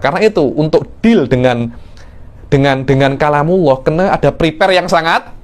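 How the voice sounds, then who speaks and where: A man's voice: a little high, darkish tone. Middle-aged man lecturing with emphatic rises. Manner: explanatory, repeats words, rising emphasis on key points. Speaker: religious teacher. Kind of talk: classroom lecture.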